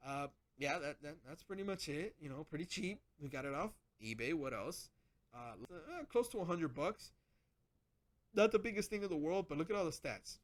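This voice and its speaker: A man's voice: on the high side, lively intonation, moderate pace. A man hosting a casual gadget vlog, rambling with lots of restarts as he explains his setup. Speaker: channel host.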